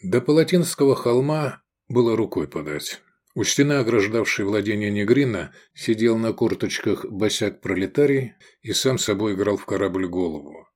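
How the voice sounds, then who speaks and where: Guy reading an audiobook, swingy animated delivery, voices the characters. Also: fairly low pitch, normal speed. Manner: lively storytelling, voices the characters. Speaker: audiobook narrator. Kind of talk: scripted narration.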